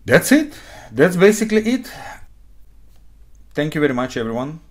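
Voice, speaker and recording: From a desk at home, a forties-aged man presents a live coding talk for a conference, explaining things step by step and regularly checking "okay?" He isn't a native English speaker, knowing Hebrew, Russian, and Ukrainian instead. His voice is a little high and sing-song at a normal speed.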